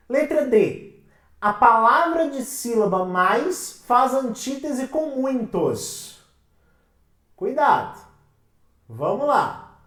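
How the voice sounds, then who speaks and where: A woman with a Brazilian Portuguese accent giving an exam-prep lecture, asking her class questions and answering them herself. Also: a little high. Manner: calls the listeners "minha gente". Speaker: teacher. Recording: roomy sound from a distant mic.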